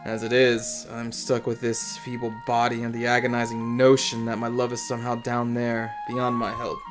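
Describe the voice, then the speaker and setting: A man's voice: medium pitch, monotone, close to an everyday voice. A heartbroken old ranger, haunted by fallen friends, speaking in a shaky put-on accent as a man reads him aloud. He sounds like a grieving game character, with faint game music behind him. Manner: a put-on accent that keeps slipping, read slowly and heavily. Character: grieving elderly male veteran ranger, haunted and wistful.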